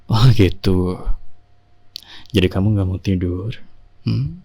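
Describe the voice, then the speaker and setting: A man in whispered role-play as an affectionate husband, talking softly and teasingly to his sleepy wife on a binaural mic. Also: medium pitch, normal speed, gravelly, husky. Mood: playful, firm. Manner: soft, intimate, teasing. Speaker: ASMR performer.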